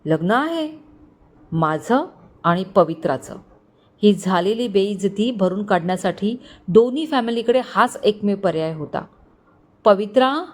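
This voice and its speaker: A woman's voice: mid-range voice, lively intonation, measured pace. A woman voicing an angry young groom who coldly scolds his former bride in a storybook reading. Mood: reproachful. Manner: stern, reproachful.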